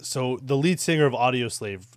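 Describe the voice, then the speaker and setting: A man's voice: medium pitch, normal speed, dry recording, clean studio sound. A man interviewing casually, with an earnest, affirming way of talking.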